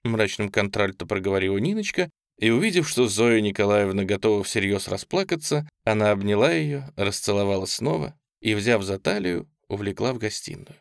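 A man narrating a story aloud in an expressive reading style. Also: lowish voice, fairly quick, gravelly, no room sound, studio quality. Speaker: audiobook narrator. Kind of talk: scripted narration.

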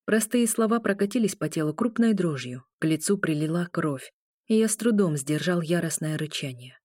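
A woman narrating a first-person audiobook in a steady, even storytelling voice. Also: on the low side, moderate pace, dry recording, clean studio sound.

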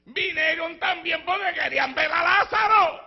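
A man preaching a fervent Pentecostal sermon as pastor, moving between shouted lines and hushed storytelling and breaking into speaking in tongues. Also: extremely high pitch, moderate pace, gravelly. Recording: dull lo-fi church recording.

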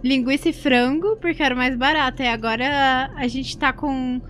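Higher-voiced Brazilian woman on a podcast. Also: fairly even intonation, normal speed, fairly bright tone, slight background noise. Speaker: podcast guest. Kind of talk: casual chat.

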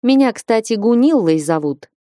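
A woman voicing a bold, strapping young northern warrior woman who speaks loudly and bluntly in an audiobook. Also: fairly high pitch, expressive, moderate pace, dry recording, clean studio sound, pitched above the performer's own voice, lightly acted. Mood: hearty. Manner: loud, hearty and blunt.

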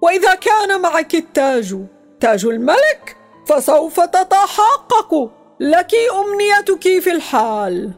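A woman's voice: very high voice, sing-song, unhurried, faint music behind, pitched above the performer's own voice, heavily acted. A woman voicing a cunning male jinn in a storybook reading, with a crafty, bargaining manner. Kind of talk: storybook voice acting.

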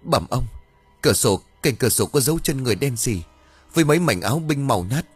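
A man voicing a frightened young servant in an audiobook ghost story, talking fast and deferentially. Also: on the low side, animated, soft background music.

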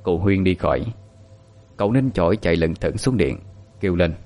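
Low-voiced storyteller. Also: male voice, animated, normal speed, darkish tone. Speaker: narrator. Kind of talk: storytelling narration.

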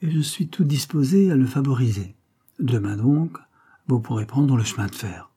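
A man's voice: medium pitch, animated, moderate pace, warm tone, slightly rough, voice pushed up. A man reading an audiobook, voicing a scornful, domineering creole woman who talks in a cold, mocking tone. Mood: commanding. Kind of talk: audiobook character voice.

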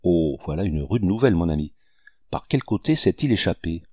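A man's voice: low voice, animated, moderate pace, a little mellow, dry recording. A man voicing a hearty French general in chief, courteous and commanding. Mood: grave.

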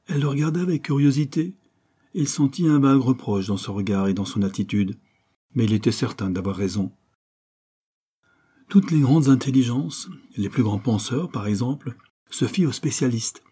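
A man reading a novel aloud in a steady, measured narration. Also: mid-range voice, slightly rough. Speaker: audiobook narrator. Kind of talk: scripted narration.

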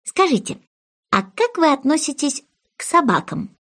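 A woman voicing an eager, chatty young girl who gushes and apologizes breathlessly, her voice pushed high. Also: very animated, normal speed, a bit bright, full character voice. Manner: breathless gushing chatter, squeals.

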